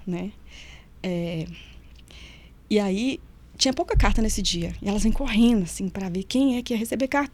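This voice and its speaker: A middle-aged woman tells her memories as an interview guest, in a fairly high voice. She is a vivid storyteller who acts out the people she quotes. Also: a little mellow. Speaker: nutritionist and former prison officer, guest.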